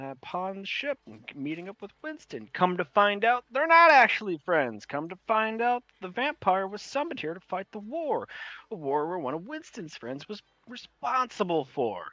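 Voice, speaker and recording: A man with a New York accent narrating a tabletop game as game master, with a halting, emphatic delivery. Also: sits high, pushed and bright, dry recording, poor audio.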